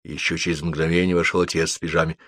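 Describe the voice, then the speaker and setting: A man narrating a story aloud in an expressive, theatrical manner. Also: deep voice, fast talker, no room sound, clean studio sound. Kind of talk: audiobook story reading.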